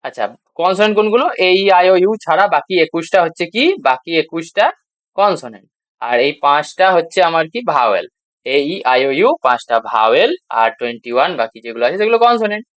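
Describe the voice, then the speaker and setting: Speaking quickly with big swings in pitch, a man with a fairly high, bright voice gives beginners an English grammar lesson in a Bengali accent. He spells out endings letter by letter, repeats them, and answers his own rhetorical questions. The recording is dry.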